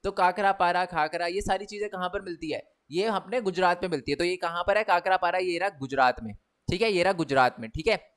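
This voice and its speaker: A young male teacher gives a chatty exam revision lesson, speaking in. His voice sits high for a man, and he keeps asking the students whether they follow. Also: brisk, a bit bright. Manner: chatty, repeats tag questions.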